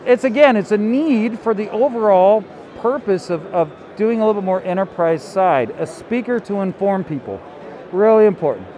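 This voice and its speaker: A man's voice: high-pitched, lively intonation, normal speed, a crowd in the background. A man casually demonstrating a product at a convention booth, loose and enthusiastic with lots of fillers. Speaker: company representative.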